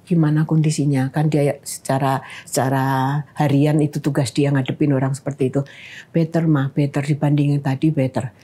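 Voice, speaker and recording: A woman in her fifties, a grandmother, speaking in Indonesian, tells of losing her sons, halting and pausing as she recounts. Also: sits low, warm tone, slightly rough. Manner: halting, with pauses and restarts. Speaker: guest. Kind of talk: emotional personal testimony.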